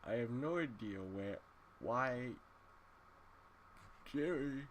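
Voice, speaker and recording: A man's voice: medium pitch, lively intonation, slow, slight background noise. A man giving casual, wry gameplay commentary, sleepy and drowsy after just waking up. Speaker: gaming YouTuber.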